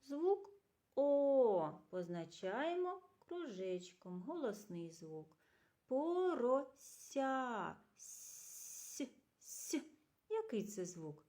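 A kindergarten teacher leads a literacy lesson, stretching out each sound and syllable so small children can follow. She speaks slowly, and her pitch rises and falls a great deal as she asks questions and praises answers. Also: very animated, dark tone.

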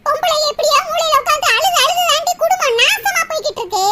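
A woman's voice: very high voice, lively intonation, fast, sharp tone, heavily acted. A woman voicing an older village mother in a cartoon who lectures and scolds her daughter at length. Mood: lecturing. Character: chatty older village mother giving advice. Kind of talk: cartoon voice acting. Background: music.

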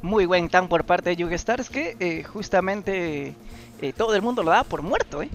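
High-pitched excitable esports caster man. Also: moderate pace. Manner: excitable, sing-song play-by-play. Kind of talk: live esports commentary.

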